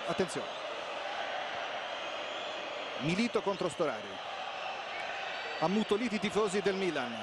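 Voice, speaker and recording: A high-voiced male football commentator calls the action in urgent, clipped bursts that build toward excited goal calls. His voice rides over very loud stadium noise. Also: measured pace, long pauses. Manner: urgent, clipped phrases, names players as play unfolds. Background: stadium crowd noise.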